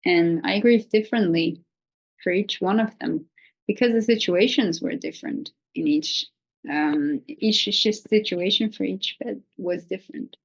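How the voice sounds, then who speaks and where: A woman talking informally to viewers as a video host, consoling and reassuring, with a hesitant, halting delivery. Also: medium pitch, creaky, poor audio. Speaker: video host giving pet-loss advice. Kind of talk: informal, unscripted talk to viewers.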